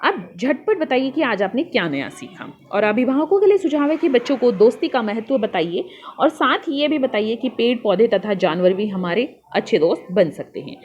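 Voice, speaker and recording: A woman teacher patiently walking young children through a worksheet, spelling out answers slowly and calling her pupils "beta". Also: fairly high pitch, expressive, a little mellow, lo-fi sound, slight background noise.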